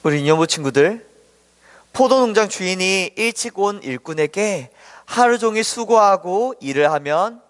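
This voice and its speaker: A man preaching a children's sermon, telling a story gently and asking the children questions. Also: high-pitched, expressive, normal speed. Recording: long hall reverb.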